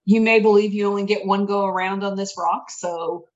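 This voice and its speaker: Woman, podcast co-host, thoughtful and halting, dull lo-fi sound. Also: medium pitch, fairly even intonation. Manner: reflective, with frequent restarts and fillers. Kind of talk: casual podcast chat.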